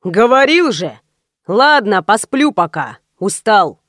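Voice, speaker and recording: A woman voicing a calm, odd elderly father who gives ominous warnings, in an audiobook. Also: mid-range voice, slow pace, no echo, clean studio sound.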